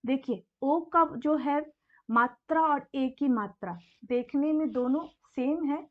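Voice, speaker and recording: Slow, patient high-voiced woman teacher. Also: phone-quality sound. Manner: patient, repeats each sound and asks then answers. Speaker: Hindi teacher. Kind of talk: slow explanatory lesson.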